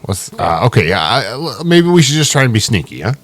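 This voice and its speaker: A man's voice: medium pitch, sing-song, a little fast, fairly bright tone, soft background music. A man playing a tabletop game, joking and swearing casually as he talks. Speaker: player.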